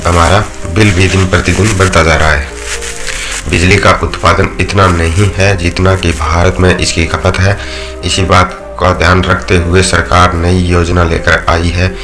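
Male explainer narrator, very low and monotone, read-aloud delivery, music bed underneath. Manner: steady read-aloud delivery with small slips. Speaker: channel narrator. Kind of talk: scripted voice-over explainer. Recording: voice-over with loud background music.

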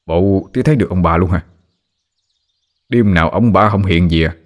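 Guy playing an exasperated son in his 30s, whiny protests, pitched up a bit. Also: normal speed, lightly acted.

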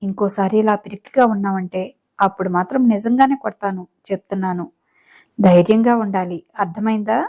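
A woman's voice: mid-range voice, fairly even intonation, brisk, warm tone, lightly acted. A woman voicing a playful teasing young husband.

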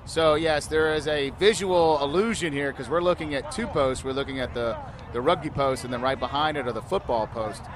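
Over a crowd in the background, a man with a fairly high voice commentates quickly on a youth rugby match at an outdoor field. As play-by-play commentator in this live sports coverage, he explains the rules and raises his voice on big plays.

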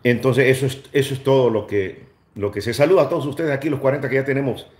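A man's voice: mid-range voice, steady tone, fast. Casual live-stream host, a man from El Salvador, chatty and loose, recorded in a roomy, echoey space. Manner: chatty, greets viewers by name, asks loose questions. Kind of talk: casual live-stream chat greeting viewers.

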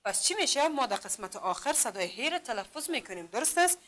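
A woman with an Afghan Dari accent teaching a literacy class in a high, bright voice. She stretches each letter and syllable slowly as she sounds it out. She keeps asking the class questions and praises their answers. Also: big pitch swings, slight background noise. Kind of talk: classroom lesson.

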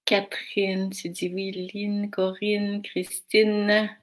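A woman's voice: mid-range voice, flat delivery. A middle-aged woman with a Québécois French accent, hosting a live stream and chatting casually as she greets viewers by name from the comments. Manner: slow, warm greetings read from comments.

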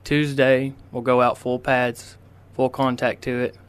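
A teenage boy, a high school football player answering interview questions politely, with lots of ums and uhs. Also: flat delivery, measured pace, smooth. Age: teens. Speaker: high school quarterback guest. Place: radio studio.

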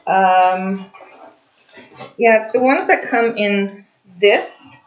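A woman in her forties, a craft and tarot vlogger, casually talks about her craft journal pages at home in a slightly raspy, mid-range voice, drawing out her words. She's chatty and rambling, with many fillers. She's in her dining room near a china cabinet, and the desk webcam yields slightly dull lo-fi sound.

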